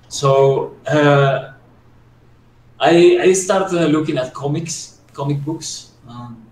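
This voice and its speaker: A man from Colombia, a sculptor being interviewed, who answers modestly and hesitantly with many fillers and restarts. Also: medium pitch. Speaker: guest sculptor. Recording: echoey room, distant mic, faint noise.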